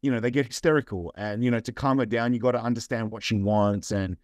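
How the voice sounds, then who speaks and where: Talking fast in a steady, medium-pitched voice, a young Australian man rambles casually through an interview as the guest, dropping plenty of fillers along the way. There's no echo on the recording.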